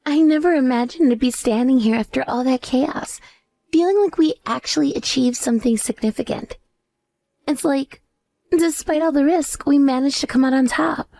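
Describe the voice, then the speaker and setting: A woman's voice: high voice, moderate pace, vocal fry, dark tone, no echo. A woman playing a grateful, effusive accomplice in a dramatized story of revenge. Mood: grateful, elated. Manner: effusive, modest.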